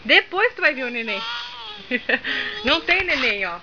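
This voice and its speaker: A woman's voice: sits high, big pitch swings, measured pace, sharp tone. A young mother filming her small daughter at home, playfully coaxing and bossing her through a dance and silly faces. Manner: playful, coaxing, bossy commands. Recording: dull lo-fi home camera, clear background noise.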